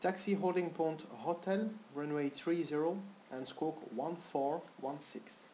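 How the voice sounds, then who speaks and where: An air traffic controller giving clearances in standard radio phraseology, with orderly, procedural phrasing. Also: mid-range voice, a little slow, mellow. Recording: echoey with background noise.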